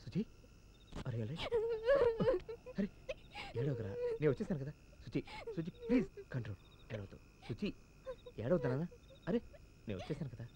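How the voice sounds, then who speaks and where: An intense lovesick young hero. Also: male voice, a little high, wildly swooping pitch, moderate pace, long pauses, a loud crowd. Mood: soothing. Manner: earnest, swings from soft pleading to heated outbursts. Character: lovestruck young man pleading with his lover. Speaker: film hero, dubbed lead. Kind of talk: dubbed film drama.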